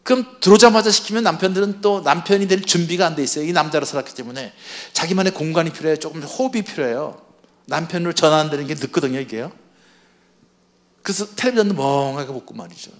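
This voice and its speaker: A man with a fairly high voice speaks to a church audience at a marriage seminar. He keeps quizzing the listeners and slips into playing husbands and wives as he goes. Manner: asks the audience questions and acts out spouses' lines. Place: church hall before an audience.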